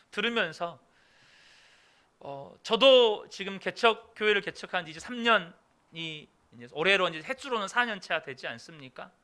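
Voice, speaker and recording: A man's voice: high-pitched, pushed and bright. A middle-aged male pastor preaching a sermon, reading a story aloud and then addressing the congregation.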